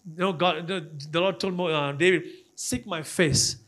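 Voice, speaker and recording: A Malaysian man with a Malaysian accent delivers an impassioned church sermon, repeating phrases as he urges on the congregation and often addresses them directly. His voice sits on the high side, with a steady, fairly bright tone and a moderate pace.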